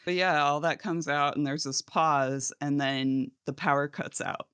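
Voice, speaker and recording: A woman's voice: sits low, steady tone, measured pace, fairly bright tone, clear, resonant tone, dry recording. Woman podcast co-host, casual recap chat, laughs a lot, dry close recording. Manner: laughs often, acts out characters' lines while retelling.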